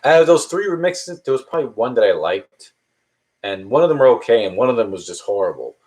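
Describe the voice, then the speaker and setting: Very animated and brisk, this early-thirties man has a medium-pitched, slightly mellow voice. On a casual live stream he takes viewer questions, rambling and hesitating with plenty of restarts.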